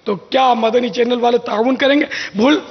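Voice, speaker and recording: A man's voice: very high-pitched, steady tone, a crowd in the background. A man giving an informal religious talk, telling anecdotes in a conversational way and acting out the lines he quotes. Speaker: religious scholar giving advice. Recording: dull lo-fi sound with long reverb.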